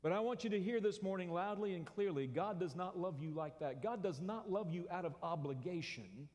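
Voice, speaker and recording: A pastor with an Oklahoma American accent delivering a folksy, conversational sermon with call-and-response. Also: male voice, high-pitched, lively intonation, fairly quick, darkish tone. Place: large church sanctuary. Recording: long church-hall reverb.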